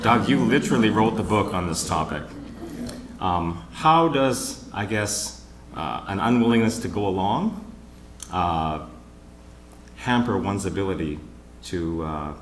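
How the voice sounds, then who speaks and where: A man moderating a panel at a conference, opening with wry, teasing jokes and pausing for laughs. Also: sits low, expressive, roomy sound. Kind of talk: joking conference emcee remarks. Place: conference hall with live audience.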